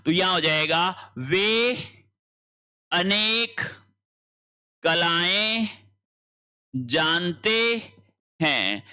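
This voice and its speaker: Male tutor, high-pitched, walks students through answer options one by one. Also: sharp tone. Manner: explains each option step by step, checking in with students. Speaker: Hindi exam tutor. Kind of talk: exam answer-key lesson.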